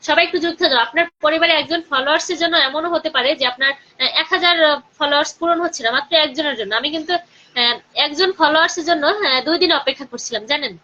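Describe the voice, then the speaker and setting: A woman with a Bangladeshi Bengali accent hosting a live stream, chatting with viewers and urging them to share and comment, sometimes talking softly. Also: high-pitched, muffled recording. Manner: speaking slowly and softly during the call to prayer.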